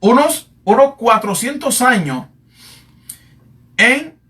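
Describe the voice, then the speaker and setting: High-voiced man preaching a Bible lesson. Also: sing-song, takes it slowly, sharp tone, distant mic. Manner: repetitive, addresses listeners as "amado", many fillers. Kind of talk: sermon-style Bible teaching.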